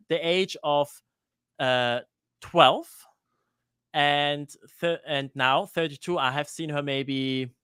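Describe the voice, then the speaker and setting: A man's voice: on the high side, sharp tone, clean tone, dry recording, studio quality. A man in his thirties from Denmark, a guest on a live-streamed interview, talking hesitantly with many restarts. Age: 30s.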